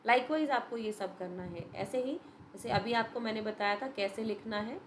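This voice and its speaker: A woman's voice: on the high side, normal speed, slight background noise, low-quality recording. A woman teacher giving a patient, step-by-step revision lesson to young students, mixing Hindi and English. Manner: patient, explains step by step, addresses students as beta.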